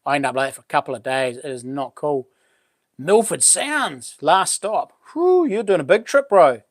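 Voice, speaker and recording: Matey Kiwi bloke with a broad accent. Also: male voice, on the high side, sing-song, moderate pace, dry recording, studio quality. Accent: broad New Zealand. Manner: matey, informal, slangy. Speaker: livestream host. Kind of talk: casual live chat with viewers.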